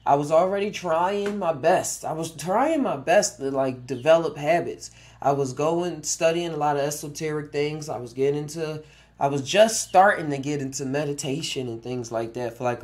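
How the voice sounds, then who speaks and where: A podcast host in his twenties rambles through a casual solo episode, often chuckling and restarting his sentences. His voice is fairly high in pitch and a little mellow.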